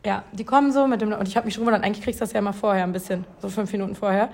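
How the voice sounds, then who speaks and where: A young woman in casual chat, telling a story with animated quoted voices and frequent laughter. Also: mid-range voice, very fast, gravelly.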